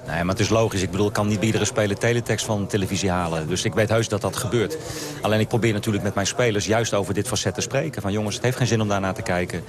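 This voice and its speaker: A male football trainer speaks quickly and matter-of-factly in a lowish voice. A clear crowd murmur surrounds him outdoors. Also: steady tone. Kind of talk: post-match interview. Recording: outdoor crowd noise behind.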